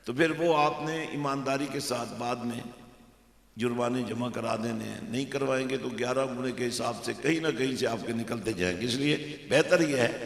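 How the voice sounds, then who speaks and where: A man preaching a fervent sermon in a mosque, his voice swelling to loud exhortation. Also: medium pitch, vocal fry. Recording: echoey mosque hall.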